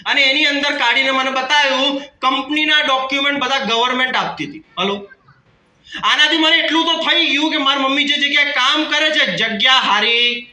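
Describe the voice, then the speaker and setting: A man of about 30 with a Kathiawadi Gujarati accent delivers a motivational business seminar talk in a hall before an audience, joking and calling out to the crowd. His voice is extremely high-pitched and sharp, at a normal speed. The low-quality recording was made with a distant mic in an echoey room.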